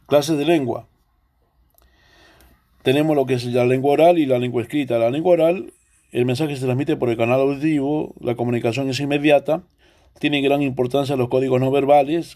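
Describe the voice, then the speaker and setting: Peruvian man teaching a mellow lesson. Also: medium pitch. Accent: Peruvian Spanish. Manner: explanatory, asks rhetorical questions. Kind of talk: recorded online language lesson.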